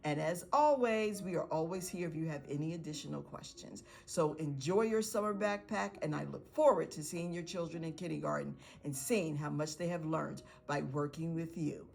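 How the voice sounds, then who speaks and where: Teacher lady, kinda low gravelly voice, upbeat tips for parents on reading with kids. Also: normal speed, few pauses, a little mellow. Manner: encouraging, acts out parent-child dialogue. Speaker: pre-K teacher. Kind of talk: instructional video for parents.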